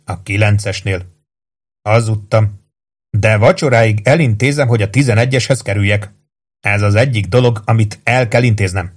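A man's voice: lowish voice, close to an everyday voice. A man reading aloud and voicing a boyish young air officer who speaks in a mournful, apologetic way. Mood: sheepish. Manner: sheepish, mournful.

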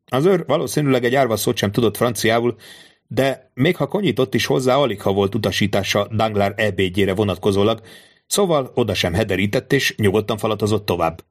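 A man reading a classic novel aloud as an audiobook narrator, in a steady, measured storytelling manner. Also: lowish voice. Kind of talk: scripted literary narration.

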